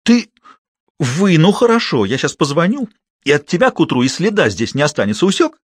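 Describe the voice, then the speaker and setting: A brash young woman around thirty, loud and haughty, her voice pitched high and swinging wildly, as a male reader puts her on. She speaks in a dry, close recording, as in an audiobook. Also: very animated, a little fast, husky, no room sound. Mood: shrill haughty. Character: pushy, shrill young woman, about thirty, arrogant.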